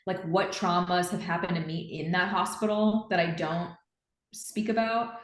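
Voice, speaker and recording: Young adult woman, podcast guest, low-pitched, rambling storyteller; roomy, echoey sound. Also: fairly even intonation, normal speed. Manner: rambling, many fillers and restarts. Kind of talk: personal storytelling in an interview.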